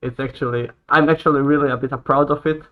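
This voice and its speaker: A man's voice: fairly high pitch, steady tone. Earnest young man from Croatia, lo-fi sound. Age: 20s. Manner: earnest, halting, with frequent restarts. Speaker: guest. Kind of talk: casual conversation. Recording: dull lo-fi sound.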